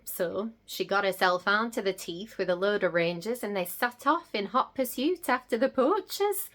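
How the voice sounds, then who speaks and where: An actress playing a gossipy, excitable young vlogger, gushing and gasping as she talks in a comedic monologue. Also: a little high. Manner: gushing, gossipy, breathless gasps and squeals.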